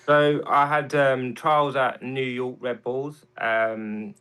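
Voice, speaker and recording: A man's voice: medium pitch, flat delivery, slow pace, clean tone, rough recording. A man from England with a London accent, a guest on a casual chat show, talking hesitantly with lots of ums. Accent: London English. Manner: hesitant, many ums, soft-spoken.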